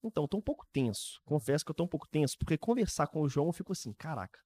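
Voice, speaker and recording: Young brazilian portuguese guy hosting a podcast, high voice, dry close sound, lots of slang. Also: very fast, no room sound. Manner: animated, informal, heavy use of slang. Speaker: podcast host. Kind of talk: casual, slangy interview chat.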